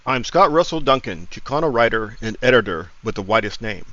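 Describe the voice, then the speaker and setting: A man's voice: medium pitch, lively intonation, fairly quick, highs cut off, very noisy. A man doing a comic special report, hamming up his intro and then interviewing a worker in a taco shop with plenty of fillers. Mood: mock dramatic. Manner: hammy announcer tone in the intro, loose with fillers when interviewing. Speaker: writer and roving reporter.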